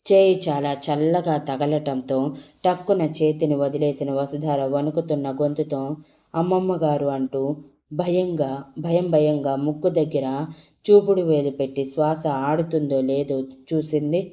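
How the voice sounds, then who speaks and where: Brief: woman storyteller, low dark voice, steady scripted story narration, small self-corrections. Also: moderate pace.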